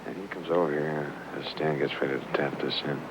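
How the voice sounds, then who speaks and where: A man giving live golf commentary outdoors in a folksy, conversational way, often hushed near the putt. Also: very deep voice, fairly even intonation, brisk. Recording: dull old broadcast, loud outdoor noise.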